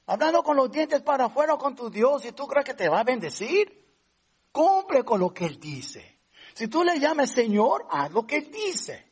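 Husky high-voiced man preaching. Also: very animated, moderate pace. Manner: conversational preaching with sudden emphatic rises. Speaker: pastor. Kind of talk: sermon.

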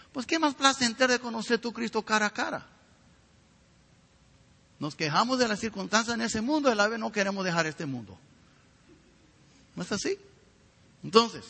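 A male pastor delivers a sermon in a high, bright voice that leaps and dips with lively swings. He stretches out key words for weight and pushes up into sudden emphatic peaks. The sound carries a long reverb. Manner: preaching with emphatic rises and drawn-out stresses. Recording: reverberant hall.

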